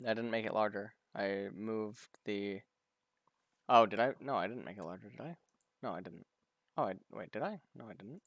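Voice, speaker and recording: A man's voice: lowish voice, normal speed, gravelly, no room sound. A man streaming live, casually commenting on a pro match, often stumbling, repeating words and answering viewers' questions.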